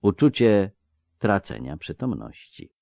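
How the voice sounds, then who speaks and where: Low-voiced man reading an audiobook expressively. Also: vocal fry, no room sound, clean studio sound. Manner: expressive, measured. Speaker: narrator.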